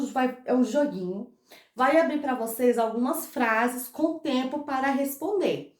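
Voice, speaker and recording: A young woman with a Brazilian accent leads a grammar lesson, with a bright, high voice. She slows down to model each phrase and keeps asking whether it is easy. The recording has an echoey room sound. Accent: Brazilian Portuguese. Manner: patient, drawn-out model phrases, diminutive reassurances. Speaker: English teacher.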